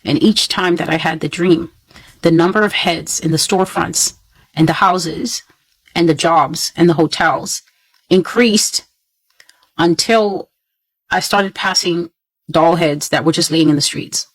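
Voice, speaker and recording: A woman's voice: fairly low pitch, unhurried, dry recording, poor audio. A woman earnestly recounting a prophetic dream, telling it in a repetitive, storytelling way.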